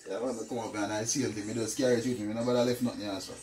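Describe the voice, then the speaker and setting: A man's voice: on the low side, steady tone, very fast, darkish tone, slight background noise. A man with a Jamaican accent, a barber, answering questions casually in a small barbershop. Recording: roomy phone audio from across the room.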